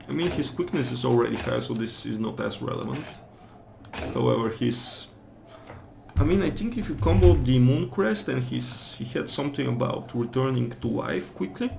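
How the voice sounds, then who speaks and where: A man's voice: medium pitch, vocal fry, noisy background. A man casually commenting as he plays a game, thinking aloud about his choices. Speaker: let's play host. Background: game music.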